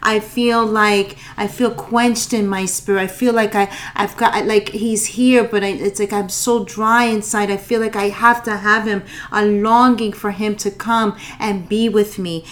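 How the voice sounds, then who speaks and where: Slow, earnest woman preaching. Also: mid-range voice, fairly even intonation. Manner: earnest, with restarts and emphatic repetition. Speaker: co-host of a prayer show. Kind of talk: Bible reading and preaching.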